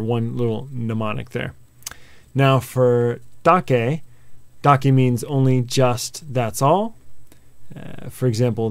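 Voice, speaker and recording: A man teaching a video lesson, patiently explaining with examples and memory tricks, often pausing on filler sounds. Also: medium pitch, vocal fry, a little mellow, smooth, dry recording. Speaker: language teacher.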